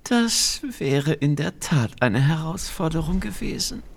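A man voicing a sly, amused, menacing witch in a storybook, with a breathy half-whisper and slow, taunting delivery. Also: a little high, expressive, voice pushed up, heavily acted. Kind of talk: storybook character voice.

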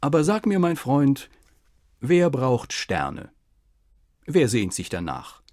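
A man's voice: mid-range voice, huge pitch swings, slow, darkish tone, dry recording, clean studio sound, voice pushed up, exaggerated voice. A man voicing a pompous, moody old king in a read-aloud fairy tale, in a raised, emphatic, declaiming voice. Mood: pleased.

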